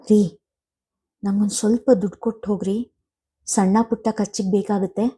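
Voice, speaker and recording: A woman doing a tearful young mother, soft and pleading. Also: a little high, measured pace, breathy edge.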